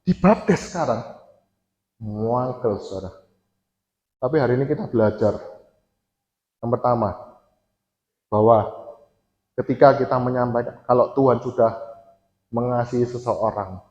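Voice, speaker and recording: A man's voice: mid-range voice, a little mellow. A male preacher with an East Javanese accent, giving a conversational sermon in a church and often addressing the congregation directly. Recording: echoey church hall, dull sound.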